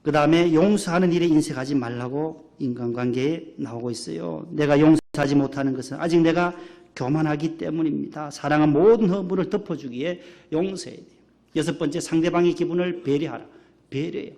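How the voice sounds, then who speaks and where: A middle-aged man preaching a sermon as pastor in a church, lively, throwing questions to the congregation and acting out little greetings. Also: on the high side, fairly quick, vocal fry. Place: church sanctuary.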